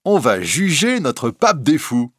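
A man voicing a mischievous young male student who mocks the court, cheeky and loud. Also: on the high side, huge pitch swings, slow pace, slightly rough, no echo, studio quality, pitched above the performer's own voice, full character voice. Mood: mocking. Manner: mocking, cheeky.

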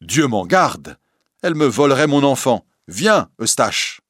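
A man's voice: medium pitch, big pitch swings, unhurried, a bit bright, dry recording, clean studio sound, voice pushed up. A man voicing a frightened mother who pulls her small son away, anxious and breathless. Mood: fearful.

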